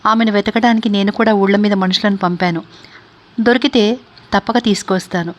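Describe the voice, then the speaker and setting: Grieving dignified wife as a woman reads her, soft, pleading, storybook reading. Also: medium pitch, fairly even intonation, a little fast, dull audio, natural voice.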